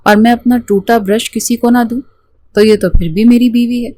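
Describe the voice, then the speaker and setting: A woman's voice: fairly high pitch, steady tone, moderate pace, darkish tone, dry recording, lightly acted. A woman voicing a brash young man in a romance storybook, blunt and mocking.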